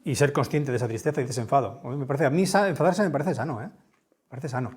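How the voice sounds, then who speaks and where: A man from with a big, booming voice gives a conference talk in a lecture room, speaking conversationally and often checking in with his listeners. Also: fast, darkish tone. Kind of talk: conference talk with audience questions.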